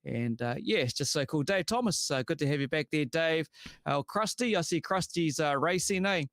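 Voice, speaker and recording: A man's voice: fairly high pitch, animated, moderate pace, a bit bright, dry recording, clean studio sound. A man with a broad New Zealand accent hosting a live chat show in a matey, effusive, slangy way. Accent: broad New Zealand (Kiwi). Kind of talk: casual chat interview.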